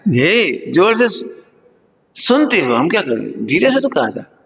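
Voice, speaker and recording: A man preaches to a hall of students, his voice sitting fairly high and full of life as he acts out little scoldings and chuckles along the way. The sound rings with long reverb from a large hall. The recording itself is dull and lo-fi. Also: takes it slowly. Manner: lively, acts out scoldings with sudden high jumps; chuckles often while teaching. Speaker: Jain religious teacher. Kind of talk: morning sermon to students.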